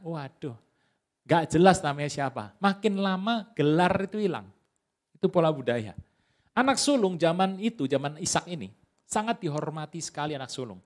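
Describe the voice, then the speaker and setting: Lively, joking male preacher. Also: fairly high pitch. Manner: lively, joking, addresses the congregation directly. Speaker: pastor. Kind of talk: sermon.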